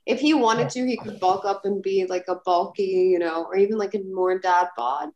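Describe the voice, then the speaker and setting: On dull-sounding audio, a woman with a mid-range voice and normal pace co-hosts a casual podcast chat. She tells a long, rambling anecdote with animated energy and plenty of "like" fillers.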